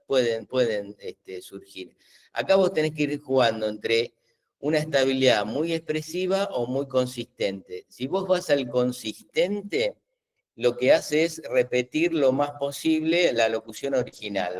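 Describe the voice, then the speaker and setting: A middle-aged man, hosting a live webinar Q&A and explaining patiently with many fillers and restarts. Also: medium pitch. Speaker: webinar host explaining AI tools.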